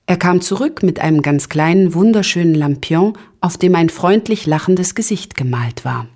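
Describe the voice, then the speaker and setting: A woman narrating a children's story aloud in an expressive reading voice. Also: fairly low pitch, normal speed. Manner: lively, expressive read-aloud.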